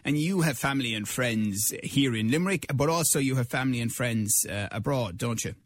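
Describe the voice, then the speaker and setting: A man's voice: mid-range voice, expressive, fairly quick, slight background noise. A man presenting a radio interview, asking questions in a conversational way.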